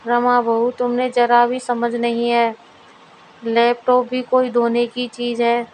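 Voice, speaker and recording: A woman's voice: fairly high pitch, completely flat delivery, slow, darkish tone, slight background noise, rough recording. A woman reading a scolding mother-in-law. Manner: scolding, exasperated. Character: stern, exasperated middle-aged mother-in-law. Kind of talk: storybook dialogue reading.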